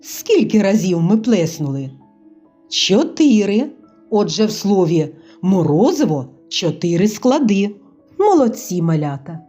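A woman teaching a scripted phonics lesson to young children, speaking slowly and patiently. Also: mid-range voice, big pitch swings, warm tone. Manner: slow, patient, sing-song teaching to small children. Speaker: kindergarten teacher. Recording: dull lo-fi recording with faint music.

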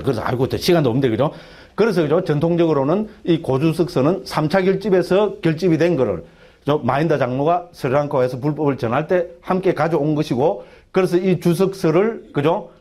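A man, a Buddhist monk, giving a lively dharma lecture in a Gyeongsang dialect, often asking his listeners for agreement. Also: fairly high pitch. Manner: keeps asking the audience for agreement, animated and colloquial. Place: temple education hall.

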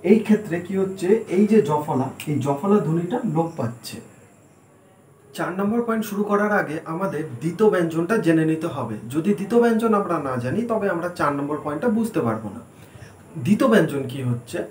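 A man's voice: fairly high pitch, lively intonation, quick pace, darkish tone, a little hiss or hum. A man giving a spelling lesson at a board, asking questions and answering them himself as he spells words out letter by letter. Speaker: teacher. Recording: echoey room.

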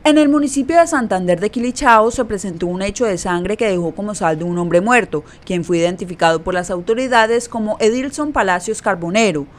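A woman from Colombia reading a scripted regional news summary in a measured, formal newsreader delivery. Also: mid-range voice. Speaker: news presenter.

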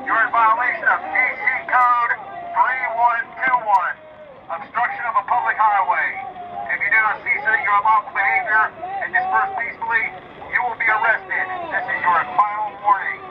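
A police commander, a man, reading a stern, formal dispersal warning through a megaphone. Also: sits high. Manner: slow, stern and official. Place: city street outdoors. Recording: distant, muffled megaphone outdoors with noise.

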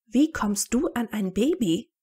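A woman reading aloud and voicing an excitable, bossy teenage girl witch who exclaims shrilly. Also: on the high side, measured pace, husky. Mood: shrill, astonished.

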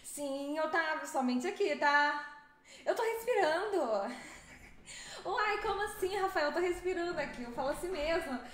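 Young Brazilian woman, very high voice, rapid chatty game streaming, laughing often, roomy echo. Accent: Brazilian Portuguese. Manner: lively, fast-talking, laughs often. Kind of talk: live stream chat with viewers.

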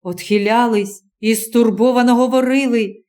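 A woman reading a short story aloud in a measured, dramatic storytelling manner. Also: on the high side, steady tone, warm tone. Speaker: audiobook reader. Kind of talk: scripted audiobook narration.

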